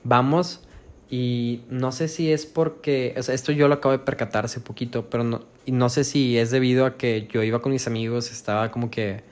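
A man's voice: medium pitch, fairly even intonation, moderate pace. Rambling young Mexican man telling a story. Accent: Mexican Spanish. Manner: rambling, slangy, many restarts and fillers. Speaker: podcast host. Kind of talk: casual storytelling podcast.

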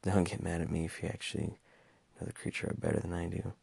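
A man's voice: deep voice, level tone, fast talker, gravelly, a little mellow, slightly rough, no echo. A young man talking in a casual personal monologue, hesitant and stumbling over his words with many fillers. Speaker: podcast host.

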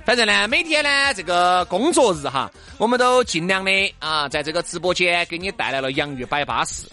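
A woman's voice: on the low side, animated, fairly quick, pushed and bright, soft background music. A woman with a Sichuan accent, co-hosting a show in casual, teasing, playful banter. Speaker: co-host.

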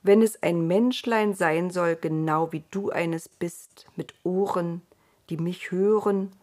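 A woman reading the part of God in a storybook, a stern but tender creator speaking slowly and gently. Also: on the low side, fairly even intonation. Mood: grave.

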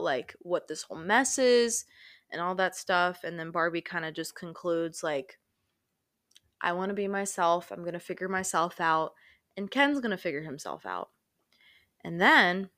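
A woman's voice: on the low side, sharp tone, no echo, clean studio sound. A young woman talking casually as a podcast co-host, chatty and rambling with many fillers. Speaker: podcast co-host reviewing a film. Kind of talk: casual chat.

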